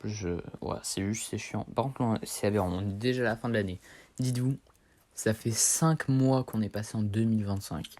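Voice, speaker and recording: A man's voice: fairly low pitch, moderate pace, darkish tone. A teenage boy chatting casually over his gameplay, rambling in slang and correcting himself as he goes. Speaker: gaming streamer.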